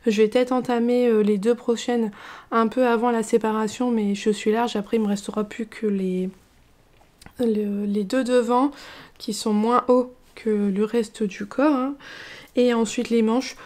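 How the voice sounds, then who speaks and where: A woman chatting casually as a knitting vlogger, relaxed and talkative, with frequent fillers and restarts. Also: fairly high pitch, measured pace. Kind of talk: casual chat.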